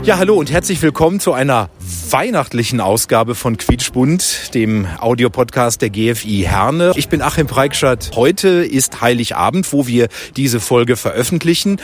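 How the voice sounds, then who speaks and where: A man's voice: medium pitch, expressive, moderate pace, hardly any pauses, soft background music. A man hosting a podcast, interviewing a guest at an outdoor Christmas market stall with friendly questions. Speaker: podcast host. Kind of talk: casual interview.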